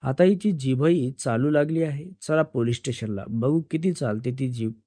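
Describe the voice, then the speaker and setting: A man voicing an arrogant, bullying male police inspector who mocks and shouts threats in a storytelling reading. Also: medium pitch, moderate pace, no room sound, studio quality, lightly acted. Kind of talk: Marathi story narration.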